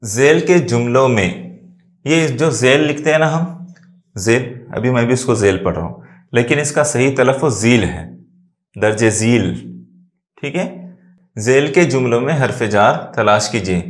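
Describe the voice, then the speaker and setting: A man's voice: mid-range voice, animated, normal speed, reverberant. A man with an Urdu accent teaching a grammar lesson for exam preparation, patiently asking questions and then answering them himself.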